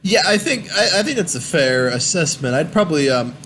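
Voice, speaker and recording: A man's voice: fairly high pitch, big pitch swings, brisk, crowd noise. A young man in casual gaming chat, rambling with many fillers and restarts. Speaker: podcast host.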